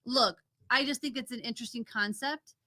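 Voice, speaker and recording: A woman's voice: a little high, brisk, bright, forceful tone. A woman co-hosting a podcast in a casual, conversational style. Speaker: podcast co-host. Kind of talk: casual chat.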